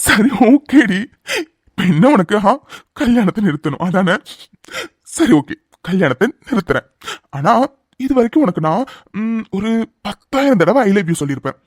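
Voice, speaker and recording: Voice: mid-range voice, sing-song, moderate pace, no room sound. Someone doing cocky cartoon groom, teasing then bossy, plain mid voice, dry. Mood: mocking. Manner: mocking, joking, then sharp and commanding. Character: teasing young groom who turns angry. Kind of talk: cartoon voice acting.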